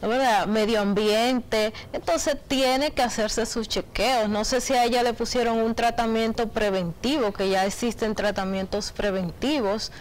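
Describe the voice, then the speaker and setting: A woman doctor answering health questions on a radio show, halting and often adding "¿no verdad?". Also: on the high side, fairly even intonation, low-quality recording. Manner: slow, halting, tags "¿no verdad?". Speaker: physician guest.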